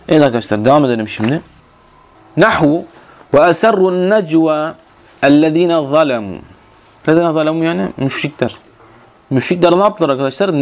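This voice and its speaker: A man's voice: mid-range voice, darkish tone. A man teaching a grammar lesson in a classroom. He keeps putting questions to his students and then supplies the answers himself, explaining each term patiently. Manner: explains Arabic grammar terms in Turkish, calling the class "friends". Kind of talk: classroom lecture.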